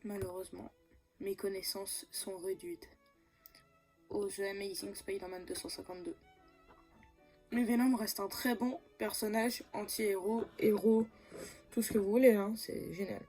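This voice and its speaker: A woman's voice: medium pitch, fairly even intonation, moderate pace, pauses often, dark tone, faint music behind. A woman talking casually about comics for her channel, hesitant, with many fillers, self-corrections and frequent laughs. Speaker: comics YouTuber.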